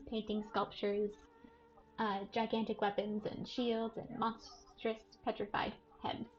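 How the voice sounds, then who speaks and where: A woman running a tabletop game as dungeon master, describing scenes in a relaxed way with fillers, on a muffled lo-fi recording. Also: fairly high pitch.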